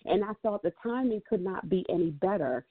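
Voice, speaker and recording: A woman's voice: mid-range voice, animated, brisk, husky, no echo. A woman co-hosting a call-in talk show, speaking thoughtfully with many fillers. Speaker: guest co-host. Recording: dry tinny phone line.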